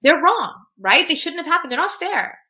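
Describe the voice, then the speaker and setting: Very high-pitched and very animated, her bright, forceful voice moves at a moderate pace. The technologist, whose first language is Urdu, is a podcast guest giving advice and recounting personal experiences emphatically and reflectively, regularly checking in with "right?".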